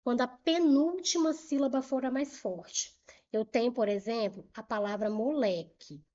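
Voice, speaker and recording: A woman's voice: on the high side, a little slow, warm tone, lo-fi sound. A woman with a Brazilian Portuguese accent teaching a grammar lesson for exam prep, patiently repeating rules and asking and answering her own questions.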